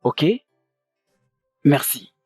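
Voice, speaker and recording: A haughty young prince. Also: male voice, extremely slow, darkish tone, no echo, faint music behind. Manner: haughty, dismissive. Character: arrogant young prince, scheming and spoiled. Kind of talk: dubbed film drama.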